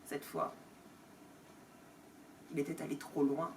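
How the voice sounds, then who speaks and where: A woman storyteller reading aloud to an audience at a library event, with an expressive, animated delivery. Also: low-pitched, takes it slowly, creaky. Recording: distant mic, faint room noise.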